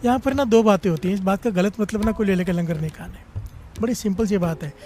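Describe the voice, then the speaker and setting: Man, Sikh preacher, storytelling sermon, high voice, calls for responses from congregation, faint music behind. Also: quick pace, darkish tone. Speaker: Sikh preacher giving katha.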